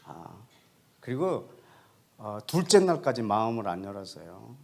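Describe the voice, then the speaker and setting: A male missionary preacher telling a story in a sermon, putting questions straight to the congregation and often dropping into a soft, hushed voice. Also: lowish voice, big pitch swings, unhurried, creaky. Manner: addresses the congregation directly with questions.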